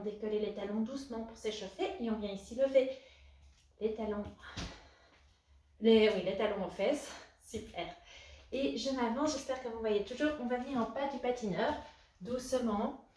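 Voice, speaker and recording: A young woman leads a home workout, calling out breaths and counting reps with steady encouragement. Her fairly high voice comes from some way off the camera. The room has a clear echo. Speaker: fitness coach. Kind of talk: guided postpartum workout class. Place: room at home, moving around away from the camera. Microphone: camera at a distance. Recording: roomy echo, voice from a distance.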